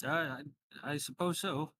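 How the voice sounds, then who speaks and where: A man's voice: on the high side, normal speed, a bit bright, pitched above the performer's own voice, lightly acted. A man voicing a rambling, hesitant professor with a formal, polite manner in a tabletop game. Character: rambling, polite male professor at a draconic college.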